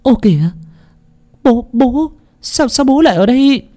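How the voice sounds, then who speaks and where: A man voicing a desperate young mother who cries out, high and strained, begging for her child. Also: expressive, measured pace, mellow. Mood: startled.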